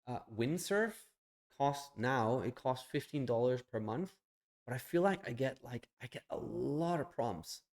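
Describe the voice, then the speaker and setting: A young man talks casually on a live stream, blunt and a little profane. He thinks out loud as he clicks around, with an ordinary mid-range voice. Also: medium pitch, lively intonation, unhurried.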